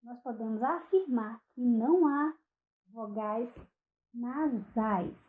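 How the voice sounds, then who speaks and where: A woman with a Brazilian Portuguese accent giving a recorded online phonetics lecture, speaking deliberately, spelling out example words one at a time and checking in with "ok?". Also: on the high side, dark tone, rough recording. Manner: frequent "ok?" check-ins and self-corrections. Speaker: university lecturer.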